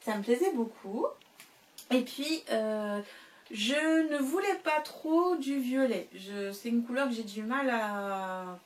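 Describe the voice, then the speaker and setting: Woman, knitting vlogger, casual chat, fairly high voice, a little off-mic. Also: expressive, slow, recorded from a distance. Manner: chatty, with fillers and soft laughs. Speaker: knitting vlogger showing yarn purchases.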